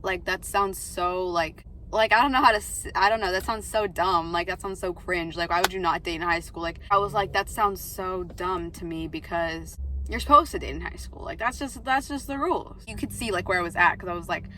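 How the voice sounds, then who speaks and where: Parked outside a coffee shop, a late-teen vlogger, eighteen years old, talks to camera in a rambling way, full of "like" and self-quotes. She speaks briskly with a fairly low pitch and a pushed, bright tone. It's a low-quality recording with a little hiss or hum.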